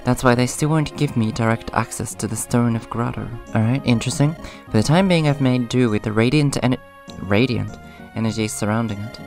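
This gaming video host speaks fairly quickly with few pauses, his hoarse, subdued voice average in pitch and darkish in tone. During a casual let's play he alternates rambling remarks with reading on-screen dialogue, while game music plays clearly in the background.

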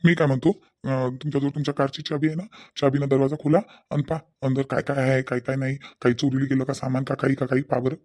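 A man playing a brisk cartoon policeman. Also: mid-range voice, little pitch movement, darkish tone, close to an everyday voice. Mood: businesslike. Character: police officer questioning theft victims, adult man. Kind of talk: cartoon comedy voice acting.

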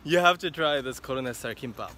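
A man's voice: medium pitch, quick pace. A young man vlogging around a campus, chatting and laughing, recorded on a handheld camera. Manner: chatty, laughs often, tour-guide commentary. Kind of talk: casual vlog chat. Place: around a university campus, indoors and outdoors. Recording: roomy reverb with some background noise.

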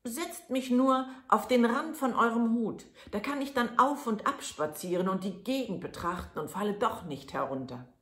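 A woman voicing a tiny, sly, mischievous boy in a storybook reading, in a high, loud, teasing voice. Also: expressive, moderate pace, hardly any pauses. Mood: polite, insistent. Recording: echoey room.

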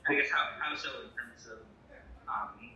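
A man's voice: mid-range voice, normal speed, bright, forceful tone. A young man, a student sports reporter, asking hesitant questions full of fillers over a video call. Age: young adult. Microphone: video call laptop mic. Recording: dull, roomy, distant call audio with hiss.

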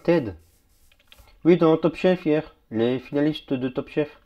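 A man with a fairly high voice speaks slowly, and the recording has its high frequencies cut off. Streaming a game live, he keeps things relaxed and conversational with the other players and his chat.

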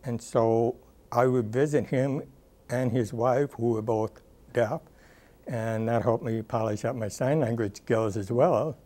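In an oral history session, a sixty-something former rehabilitation counselor talks slowly and thoughtfully about the career he had, hesitating with plenty of ums and uhs. His voice sits in the middle range, picked up on a lapel microphone in a dry, dark-sounding studio.

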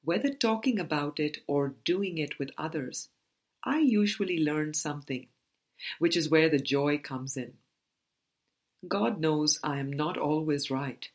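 Reading aloud from a book in audiobook fashion, this woman speaks at a very slow pace with a deep, very low voice. Her phrasing is careful and deliberate, yet her delivery remains animated.

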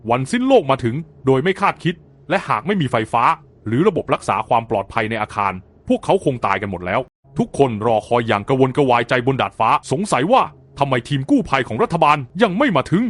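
A man narrates a manga recap as a lively storyteller, his pitch rising and falling widely. He keeps an even middle register. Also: a little fast, few pauses.

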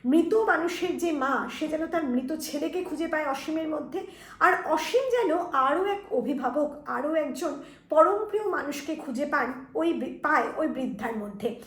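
Woman teacher, high voice, echoey room, revision lesson that speaks to students directly. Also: expressive, measured pace. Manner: explanatory, addressing students directly.

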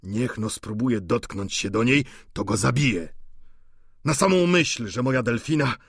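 A man reading an audiobook, voicing an aging, doting father who talks in a husky, pleading way. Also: animated, a bit bright, no echo, studio quality, heavily acted. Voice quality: husky, slow and low.

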